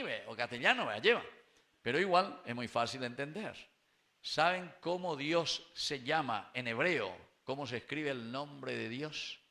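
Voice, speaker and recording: A man's voice: medium pitch, pushed and bright. A man with a Paraguayan Spanish accent preaching a sermon at Mass in a small chapel, putting questions to the congregation and slipping into Guaraní words. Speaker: priest. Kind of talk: sermon at a live-streamed Mass.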